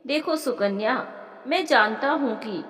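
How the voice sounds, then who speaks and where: A woman's voice: sits high, animated, a little slow, a bit bright. A woman voicing a worried, puzzled young village husband in a storybook narration, speaking earnestly. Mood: questioning. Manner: questioning, earnest. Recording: roomy with long reverb.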